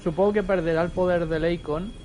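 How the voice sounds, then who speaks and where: Young Spanish-accented male streamer, keyed-up live gameplay commentary, fond of curses and repeated words; a touch high-pitched. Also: brisk, noisy background. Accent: Spain Spanish. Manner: excitable, swears often, repeats words in bursts. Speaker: game streamer.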